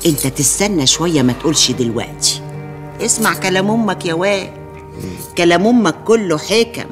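A woman's voice: on the low side, fairly bright tone, lightly acted. An Egyptian actress playing a scheming middle-aged mother, coaxing and conspiring in an Egyptian accent as she urges her son on.

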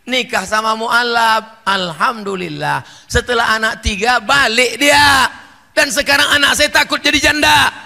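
A preacher acting out an older mother in despair, pitched high and lamenting, with a very bright, piercing edge. Her pleas echo through a big reverberant hall. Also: measured pace, creaky, heavily acted. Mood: distraught. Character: distraught older mother telling a family tragedy.

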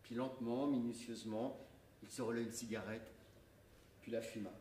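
A man's voice: mid-range voice, fairly even intonation, mellow, a little hiss or hum. Man reading a story aloud in a theatre. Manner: measured, dramatic storytelling. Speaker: reader. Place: theatre stage. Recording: echoey theatre from far off.

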